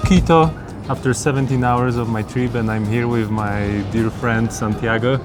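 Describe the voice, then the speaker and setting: A man's voice: mid-range voice, fairly even intonation, moderate pace. A man hosting a travel vlog, talking in a casual, chatty way, outdoors in a city. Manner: chatty, full of "like" and "you know" fillers. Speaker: travel vlogger host. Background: background music.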